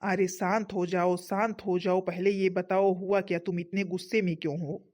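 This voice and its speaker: Actor playing a calm, lecturing young husband. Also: mid-range voice, moderate pace, close to an everyday voice. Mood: coaxing. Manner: soothing, lecturing. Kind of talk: cartoon story voice acting.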